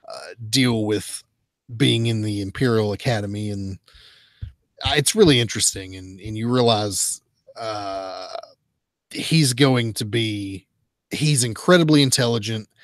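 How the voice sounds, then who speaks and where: A man's voice: lowish voice, measured pace, no echo, clean studio sound. A man co-hosting a comic book podcast, recapping a story in casual chat with lots of fillers and restarts. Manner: rambling, many fillers and restarts. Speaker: podcast co-host.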